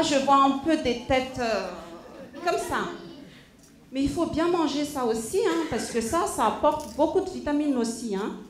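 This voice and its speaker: High-voiced woman telling children a story. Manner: animated, addresses children with questions. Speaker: children's storyteller at a church service. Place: church.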